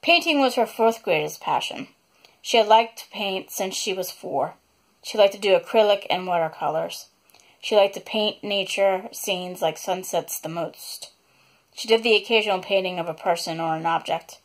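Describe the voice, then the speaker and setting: A woman's voice: medium pitch, moderate pace. A woman reading a chapter of her own novel aloud, unedited, stopping now and then to apologize for slips and add asides.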